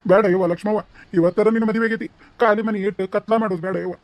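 Casting: a man playing a doting old grandpa who cries easily, North Karnataka village speech, high-pitched and quick, dry studio sound. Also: fairly even intonation, dry recording, lightly acted. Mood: fond, tearful. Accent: North Karnataka Kannada. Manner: fond, grumbling, pleading. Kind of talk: cartoon voice acting.

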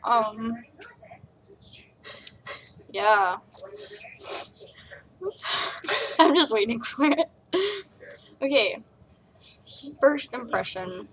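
A woman's voice: fairly high pitch, lively intonation, extremely slow, pauses often, a bit bright, husky, poor audio. A woman rambling casually in a vlog while eating and coughing, talking with her mouth full. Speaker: vlogger.

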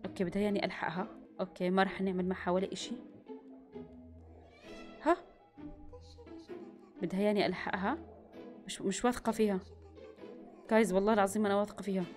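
A young woman giving excitable let's-play commentary, with bursts of screaming and quick whispers. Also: mid-range voice, faint music behind. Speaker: gaming YouTuber.

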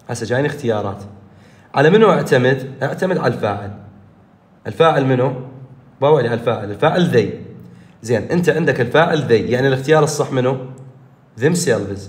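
A man's voice: medium pitch, expressive, fast talker, long pauses, reverberant. A man with an Iraqi Arabic accent, teaching an online English grammar lesson, explaining step by step and answering his own questions.

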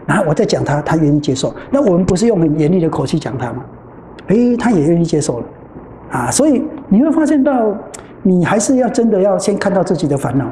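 A Buddhist nun with a Taiwanese Mandarin accent giving a dharma talk in a temple hall, animated and acting out dialogue from her stories. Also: fairly low pitch. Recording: roomy hall with faint noise.

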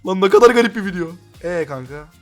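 A young man narrates his own gameplay as it happens, excitable and swearing nonstop, breaking into sudden loud outcries. His voice sits a little high for a man. Faint music plays underneath. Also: fast. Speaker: gaming YouTuber. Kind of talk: live gameplay commentary.

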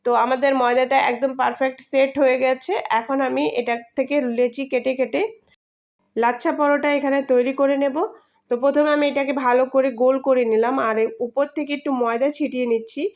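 Host মহিলা, বসা গলায়, উঁচু স্বরে রান্না শেখাচ্ছেন. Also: female voice, high voice. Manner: slow, patient step-by-step explaining with fillers. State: hoarse from a cold. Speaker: home cooking channel host. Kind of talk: cooking tutorial voice-over.

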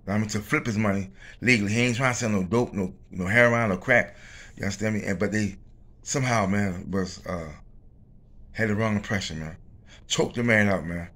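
A man's voice: on the low side, a bit bright. Earnest man who keeps saying "man". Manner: earnest, repetitive, tags sentences with "man". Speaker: co-host. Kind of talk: casual chat.

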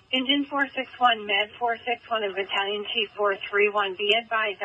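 A woman's voice: medium pitch, bright, forceful tone, a little hiss or hum. A woman working as an emergency dispatcher, giving terse updates over the radio. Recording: muffled police dispatch radio.

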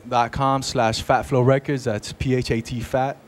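A man's voice: mid-range voice, little pitch movement, moderate pace, slight background noise. A man in his twenties from Venezuela, a guest hip hop artist on an outdoor rooftop, talking in a hesitant, laid-back way full of fillers. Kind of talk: casual interview.

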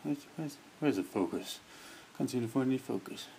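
A man's voice: mid-range voice, expressive, a little fast, creaky, warm tone, slight background noise. A man with a mid-range voice improvises comic commentary. He sounds offhand and sarcastic, often muttering as he goes.

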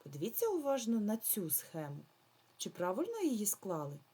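Female teacher for a recorded remote kids' lesson. Patient, draws words out, dark and slightly breathy tone. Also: mid-range voice, wildly swooping pitch. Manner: slow, patient, drawn-out words for children. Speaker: primary school teacher. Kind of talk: remote lesson for young children.

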